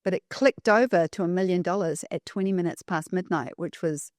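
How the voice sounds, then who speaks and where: A woman guest on a podcast tells stories emphatically, repeating key phrases for effect. Her fairly low, slightly mellow voice moves fairly quickly, captured in a dry recording with clean studio sound.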